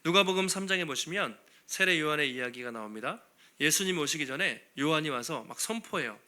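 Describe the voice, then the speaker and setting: A man preaching a Sunday sermon as a pastor, animated and laughing lightly between phrases, acting out the cries of biblical figures. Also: a little high, brisk. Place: church sanctuary.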